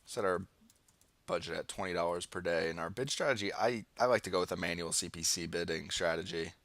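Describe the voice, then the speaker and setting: Presenting an informal, partly improvised screen-share walkthrough on online marketing, an American man demonstrates each step while thinking out loud. His voice is low-pitched with a fairly bright tone and a brisk pace, recorded without room sound.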